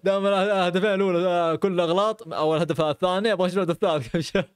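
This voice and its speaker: Very fast and pitched high, his smooth voice carries a stream of exclamations and laughs as he reacts live to football footage. He's a young man from Arabia, recorded dry with clean studio sound.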